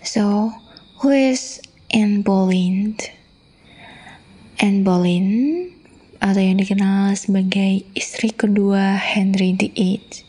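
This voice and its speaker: A woman with an Indonesian accent playing an affectionate, teasing wife in an ASMR role-play, intimate and soothing, soft and breathy as she coaxes a listener to sleep. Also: mid-range voice, low-quality recording. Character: affectionate teasing young wife telling bedtime stories.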